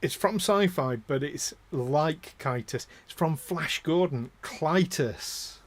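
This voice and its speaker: A man's voice: fairly high pitch, slow pace. A man from northern England, hosting a tabletop game show in casual, joking chat and laughing often. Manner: chatty, laughs often, jokey asides. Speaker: game master and show host.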